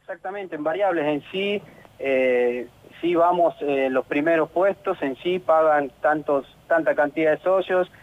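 Argentine footballer, male, halting and frustrated, phone-line sound on radio. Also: on the high side. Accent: Argentine Spanish. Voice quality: halting, many restarts and fillers. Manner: earnest, frustrated. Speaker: professional footballer. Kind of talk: radio interview.

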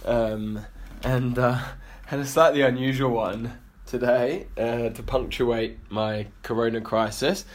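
A man's voice: mid-range voice, fairly even intonation. Hesitant man full of fillers. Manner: halting, with many fillers. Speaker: guest contributor. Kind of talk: casual recorded update.

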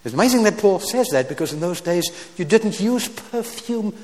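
A man in his seventies preaching a sermon, swinging from loud exclamations to quiet asides, with stammered restarts and wry humorous remarks. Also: high-pitched, animated, moderate pace, long reverb tail. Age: 70s.

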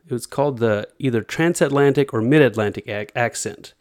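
Man, casual podcast host, mid-range voice, halting delivery. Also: medium pitch. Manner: relaxed, halting, many fillers and restarts. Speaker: host presenting research. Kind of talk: casual group chat.

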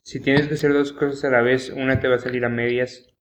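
A man's voice: medium pitch, flat delivery, a little fast, slight background noise. A young man with a Mexican accent chatting casually and slangily with his friends. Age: young adult. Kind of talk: casual chat among friends. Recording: echoey room.

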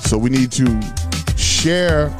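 Brief: New male talk host, playful sing-song delivery, studio recording with loud music underneath. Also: medium pitch, slow. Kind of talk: casual talk show hosting.

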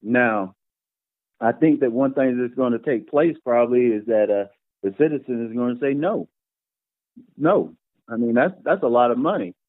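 A man's voice: mid-range voice, no room sound. Guy running for council, calling in on a tinny phone, stumbles and repeats himself, dry sound. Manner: halting, repeats words, plainspoken. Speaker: city council candidate. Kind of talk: political interview answers.

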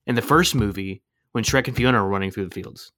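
A man's voice: lowish voice, quick pace, fairly bright tone, dry recording, clean studio sound. A man in a casual movie chat, playful and argumentative, jumping in with his own theories.

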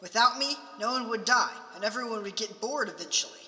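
A man's voice: sits high, lively intonation, fairly quick, bright, forceful tone, big-room sound, full character voice. A man voicing the Grim Reaper as a boastful, unrepentant ancient skeleton in a homemade cartoon. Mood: calm.

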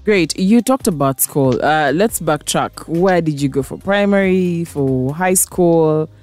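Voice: medium pitch, measured pace, darkish tone, soft background music. An interview host who asks curious, probing questions and gives short replies while the guest talks. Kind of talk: casual interview.

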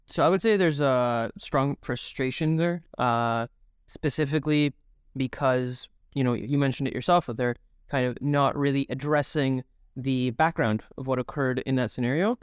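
A man's voice: medium pitch, normal speed, clean tone, dry recording, studio quality. A young man raised in Toronto answering interview questions earnestly, with many fillers. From Mexico, raised in Toronto. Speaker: guest, army reservist.

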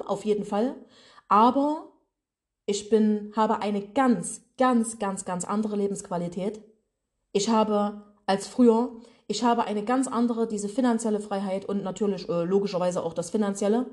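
Speaking from her office, a business and mindset coach with a regional German dialect delivers a motivational podcast monologue. Her voice sits at a medium pitch with a somewhat dark tone, and she addresses her listeners directly in a colloquial, no-nonsense way.

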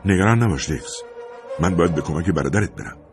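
A man voicing a calm adult man who gently reassures frightened children in an audiobook. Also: sits low, soft background music. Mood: reassuring. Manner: gentle, soothing. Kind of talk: audiobook character voice.

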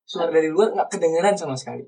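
A young man co-hosting a casual podcast, telling a story with sudden loud outbursts. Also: a little high, animated, rapid-fire, gravelly, husky. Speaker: podcast co-host. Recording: distant mic in a room at home.

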